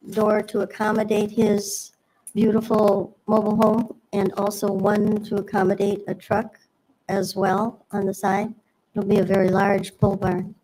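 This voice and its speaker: At a city public hearing, a female resident offers a comment, polite and hesitant, rambling with plenty of fillers. Her voice is mid-range with a dark tone, and the recording is rough.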